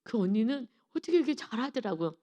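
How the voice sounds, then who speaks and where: A woman preaching a sermon in a church, telling personal stories with lively acted-out quotes and frequent laughs. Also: on the high side, fast. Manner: laughs often while telling. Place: church sanctuary.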